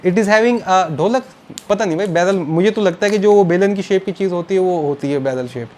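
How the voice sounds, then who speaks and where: A man teaching a biology lecture to students, mixing Hindi and English and slowly repeating key terms, fondly calling them children. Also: high-pitched, a little mellow. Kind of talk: recorded online lecture.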